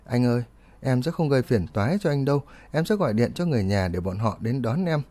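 A man's voice: mid-range voice, lively intonation, fast, mellow, close to an everyday voice. A man voicing a clingy, coaxing young woman who talks in a sweet pleading tone.

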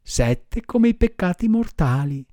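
A man's voice: high-pitched, sing-song, slow pace, warm tone, no echo, studio quality, full character voice. A man voicing a cheeky young wooden puppet boy in a storybook reading, mocking and sure of himself.

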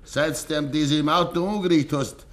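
In a 1950s dialect radio drama, an actor plays a stubborn, grieving old farmer with a Bavarian accent, speaking in a deliberate, controlled way. His older male voice sits on the high side with fairly even intonation, lightly acted and carrying a grave, accusing mood.

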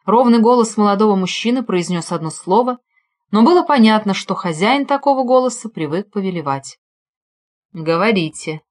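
Woman reading a crime audiobook, steady and expressive. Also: mid-range voice, fairly quick. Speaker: audiobook narrator. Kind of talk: scripted narration.

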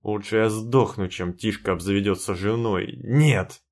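A man voicing a wounded, dying bear-man who speaks hoarsely and bitterly. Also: lowish voice, normal speed, darkish tone, natural voice. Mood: defiant.

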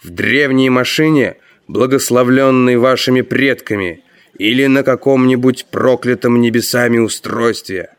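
A man voicing a clever, humble young foreigner who persuades smoothly, read as an audiobook. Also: medium pitch, normal speed, natural voice. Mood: persuasive. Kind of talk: audiobook narration.

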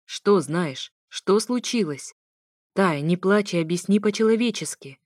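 A woman voicing a blunt, hot-tempered young husband who speaks gruffly and curtly. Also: mid-range voice, lively intonation, unhurried, darkish tone, no room sound, studio quality. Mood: pleading. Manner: gruff, curt.

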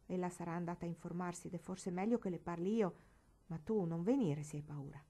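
A woman's voice: fairly low pitch, fairly even intonation, brisk, mellow, husky. A woman voicing an earnest, anxious young girl in a storybook, speaking in a pleading, somewhat dramatic way.

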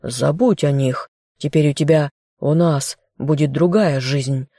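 A woman's voice: low voice, measured pace, dark tone, no room sound, studio quality. A woman voicing a smug, scheming young man who coaxes and taunts the girl he captured. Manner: smirking, coaxing.

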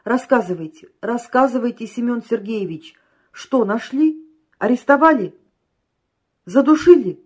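A woman reading an audiobook, voicing an excitable, impatient merchant man who exclaims loudly. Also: mid-range voice, unhurried, slightly rough. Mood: agitated. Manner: loud exclamations, raised voice.

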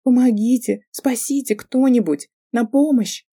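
A woman voicing a young female elf student who plays up her distress with shrill, theatrical pleading. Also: fairly even intonation, takes it slowly, dark tone, breathy edge, dry recording, clean studio sound. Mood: desperate.

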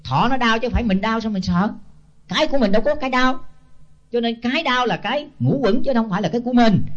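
A man's voice: extremely high pitch, lively intonation, fast, a bit bright. An older man, a senior Buddhist monk giving a blunt, scolding sermon full of rhetorical questions. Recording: dull lo-fi tape.

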